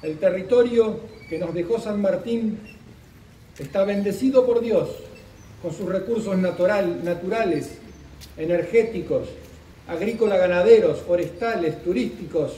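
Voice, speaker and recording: A middle-aged man reading a formal commemorative speech at a podium outdoors, in a measured, solemn delivery with deliberate pauses. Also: high voice, warm tone, slight background noise. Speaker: official speaker at a commemoration. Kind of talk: formal speech read from notes. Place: outdoor park gazebo at a ceremony. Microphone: podium microphone, recorded from a distance. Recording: roomy, distant open-air sound.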